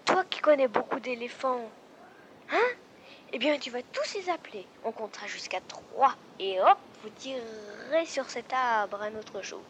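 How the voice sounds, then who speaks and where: A woman's voice: on the high side, expressive, unhurried, a little hiss or hum. Woman doing Panache, an eager little squirrel. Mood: scheming. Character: eager young male squirrel.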